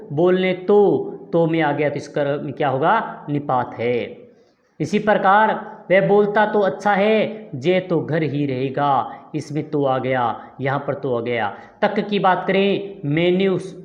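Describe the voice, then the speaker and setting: Slow-talking guy teaching grammar, leans on key words, dull lo-fi sound. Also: a little high. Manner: reads example sentences slowly, stresses key words. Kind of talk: grammar lesson. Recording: echoey room, dull lo-fi sound.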